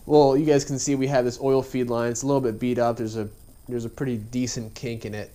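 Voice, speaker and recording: A man with a medium-pitched, darkish voice that sounds congested and slightly nasal chats his way through his car build as he works in a garage. He's laid-back and rambling, full of filler, giving casual how-to narration picked up by a head-mounted action camera mic.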